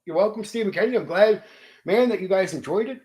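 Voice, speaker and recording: A man's voice: sits high, expressive, fast talker, darkish tone. A man hosting his channel, casually recounting a tabletop game session, swearing freely and acting out quotes and sound effects. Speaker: channel host.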